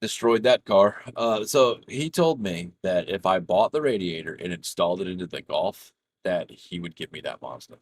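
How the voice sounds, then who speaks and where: A gaming streamer casually tells a rambling, profane story while playing, laughing through his own anecdote. He has a deep, animated voice and speaks at a moderate pace, with no echo.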